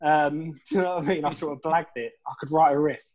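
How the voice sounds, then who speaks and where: A man's voice: fairly high pitch, fairly even intonation, quick pace, darkish tone, poor audio. Man, musician guest, casual rambling stories, frequent swearing. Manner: rambling, swears freely, laughs often. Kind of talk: casual storytelling interview.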